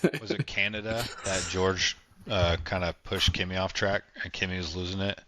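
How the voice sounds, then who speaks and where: Deep-voiced, blunt podcast co-host man. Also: steady tone, normal speed, pushed and bright, dry recording. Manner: emphatic, blunt opinions. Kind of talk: casual chat.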